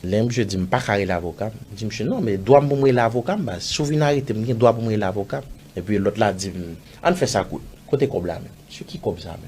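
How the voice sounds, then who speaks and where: Haitian-accented male interviewee, low voice, loose rambling storyteller who acts out every exchange. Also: brisk, darkish tone, a little hiss or hum. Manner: rambling, acts out dialogue, pepper of "bah" and "man". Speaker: interviewee telling a personal story. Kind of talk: casual spoken storytelling.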